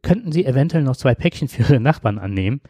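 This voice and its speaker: A man voicing a cheerful delivery drone that speaks in a bright, salesy way. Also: medium pitch, animated, fast, slightly rough, no echo. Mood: cheery.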